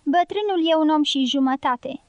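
A woman's voice: sits high, no room sound, lo-fi sound. Woman reading as a shy young girl. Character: young Spanish girl, shy and quick to blush. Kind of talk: audiobook character reading.

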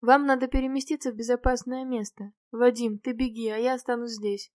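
A woman reading the lines of a calm adult male bodyguard in an audiobook, matter-of-fact and even. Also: fairly high pitch, fairly quick, no echo, clean studio sound, close to an everyday voice. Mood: businesslike.

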